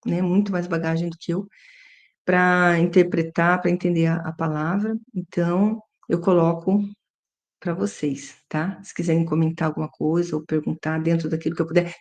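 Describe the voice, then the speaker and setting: A Brazilian woman giving an informal devotional talk as a guest speaker, halting and self-effacing. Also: on the low side, level tone, darkish tone. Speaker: guest speaker at a religious formation.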